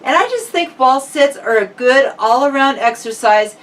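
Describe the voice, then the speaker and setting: A woman's voice: sits high, lively intonation, moderate pace. A woman talking casually and informally, like a fitness vlogger chatting to viewers. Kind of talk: casual vlog chat. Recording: distant microphone.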